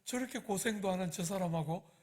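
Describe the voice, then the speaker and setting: A man's voice: a little high, lively intonation, slightly rough. A man preaching acts out a male day laborer who grumbles indignantly, drawing out his complaints. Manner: exaggerated drawn-out complaining.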